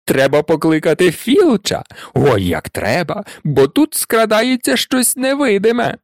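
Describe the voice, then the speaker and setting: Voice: medium pitch, sing-song, a little slow, no room sound, clean studio sound, pitched above the performer's own voice. A reader voicing a mischievous, teasing poltergeist in a sly, sing-song drawl for an audiobook. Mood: taunting. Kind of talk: audiobook character voice.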